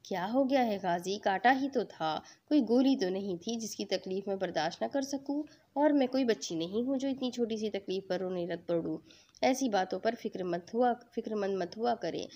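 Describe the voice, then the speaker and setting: Young wife, brisk, practical, lightly scolding, mellow, read by a woman. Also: medium pitch, natural voice.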